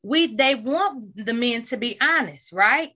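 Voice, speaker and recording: Chatty woman w a bright sharp voice, kinda high, opinionated reality tv recap. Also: measured pace. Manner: animated, opinionated, acts out quotes. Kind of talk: casual reality-show recap chat.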